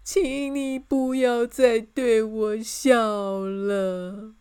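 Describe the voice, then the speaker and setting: A woman voicing a weepy male king who wails and sobs in a shrill voice. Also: fairly even intonation, extremely slow, darkish tone, clear, resonant tone. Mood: wailing. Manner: wailing, sobbing, shrill.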